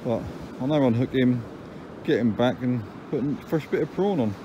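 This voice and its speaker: A man's voice: mid-range voice, normal speed, lo-fi sound. A man giving a casual, down-to-earth running commentary as he fishes from an open beach, filming on a phone he holds himself, with dry little grumbles along the way. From England. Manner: chatty, down-to-earth, matter-of-fact with dry grumbles. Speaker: angler filming his own fishing trip. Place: open beach by the sea, outdoors. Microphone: phone camera held by the speaker. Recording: outdoor phone recording with wave noise. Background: surf and wind.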